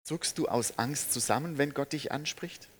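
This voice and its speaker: Earnest German-speaking preacher man. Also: medium pitch. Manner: earnest, rises to emphatic peaks then drops soft and slow; addresses listeners directly with questions. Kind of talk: sermon.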